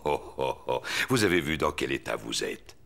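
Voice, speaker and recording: Papa Pig, a jolly, boastful cartoon father pig. He talks slowly in a very deep voice that swoops up and down a lot. Cartoon music plays behind him. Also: sing-song, gravelly, exaggerated voice. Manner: cheerful and self-assured, gently chuckling. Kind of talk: French cartoon dub. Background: background music.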